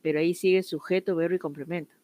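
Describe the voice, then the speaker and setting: A woman's voice: on the low side, steady tone, fast, dark tone, clear, resonant tone. Woman teaching an online English class. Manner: explains step by step, switching between Spanish and English examples.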